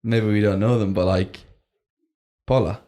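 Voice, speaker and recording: A man's voice: on the low side, fairly even intonation, a little slow, dark tone. A young man co-hosting a casual podcast, laughing often and swearing freely. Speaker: podcast co-host. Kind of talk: casual banter.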